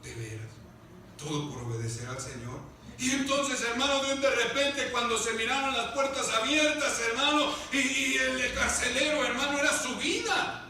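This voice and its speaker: A man preaching as pastor, with a high voice that drops to quiet asides and then rises into loud, fervent outbursts. He keeps calling his listeners "brother." The recording sounds distant and very echoey, with audible background noise throughout. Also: animated, normal speed. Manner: addresses listeners as "hermano" constantly. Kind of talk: sermon. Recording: echoey church room, mic far away, background noise.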